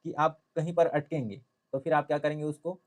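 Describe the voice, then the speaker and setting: A man's voice: on the high side, level tone, fairly quick, a little mellow. Hindi teacher man, patient explainer. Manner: explanatory, repeats "theek hai" often. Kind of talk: classroom-style lesson.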